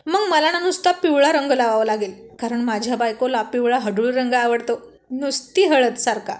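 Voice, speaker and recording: A woman's voice: on the high side, moderate pace, lightly acted. A woman reading the lines of an exasperated young man who grumbles and exclaims. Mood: complaining. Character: exasperated young male friend.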